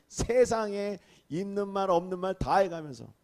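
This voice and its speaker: A man, a senior pastor, preaching a sermon, swinging from hushed asides to emphatic, raised exclamations. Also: high voice, lively intonation, slow. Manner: acts out rebukes and quoted speech in a raised voice.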